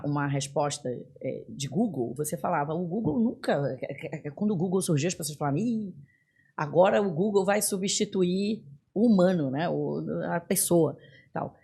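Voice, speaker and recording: Guest, woman, 40s, from northern Brazil; husky voice, lively and chatty. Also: fairly low pitch. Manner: animated, laughs often, many fillers and restarts. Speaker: podcast guest. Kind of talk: casual interview chat.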